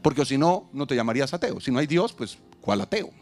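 Man in his thirties, outdoor preacher, lively and joking, acts out dialogues, faint music behind. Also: medium pitch, brisk. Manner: animated, humorous, acts out dialogues, asks the crowd to repeat. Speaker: pastor. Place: outdoors in a parking lot.

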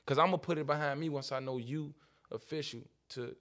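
A man's voice: fairly high pitch, fairly even intonation, a little fast, a bit bright. A man, a rapper guest, chatting on a podcast in a rambling, slang-heavy way and repeating himself. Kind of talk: casual podcast chat.

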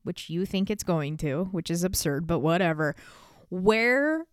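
A woman's voice: lowish voice, lively intonation, measured pace, no room sound, studio quality. A woman hosting a casual podcast, interviewing her wife in a playful, teasing way. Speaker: podcast host.

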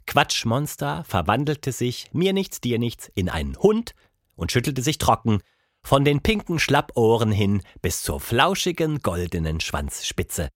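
Expressive man reading a children's story. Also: medium pitch, measured pace, dry recording, studio quality. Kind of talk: children's audiobook narration.

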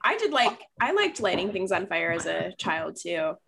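A woman's voice: fairly low pitch, big pitch swings, moderate pace, vocal fry, a bit bright, slight background noise. A woman from Michigan with an American accent, chatting casually as a podcast host. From Michigan, United States. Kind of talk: casual chat.

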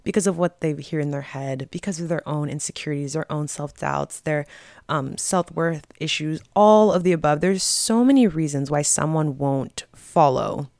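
Low, gravelly-voiced young woman. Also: moderate pace, darkish tone, no echo, studio quality. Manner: earnest, encouraging, faith-based advice with casual fillers. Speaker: host. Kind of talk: casual motivational talk.

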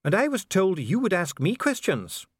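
Voicing a pompous dwarf official in an audiobook, a man performs in a high, husky voice pitched above his own, with wildly swooping pitch at a moderate pace. The heavily acted delivery is stiff, solemn, disdainful, formal and precise, recorded in clean studio sound without echo.

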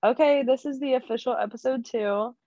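A woman's voice: on the high side, mellow, no echo. Giggly young woman co-hosting a podcast. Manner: giggly, chatty, drawn-out phrasing. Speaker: podcast co-host. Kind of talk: casual chat. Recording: dry, dull lo-fi sound.

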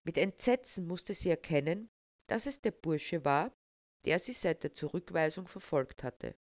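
A woman reads a children's story aloud with expressive storytelling. Her voice sits fairly low. The recording is dry and slightly muffled. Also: a little slow, dry recording.

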